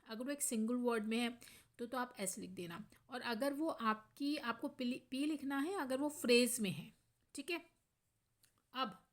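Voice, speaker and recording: A woman teaching schoolchildren grammar, explaining step by step and often checking in, reading example sentences slowly. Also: fairly high pitch.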